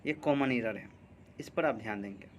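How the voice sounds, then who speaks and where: A male teacher giving an English grammar lesson, dictating example sentences slowly and deliberately. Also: medium pitch, highs cut off, slight background noise. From India.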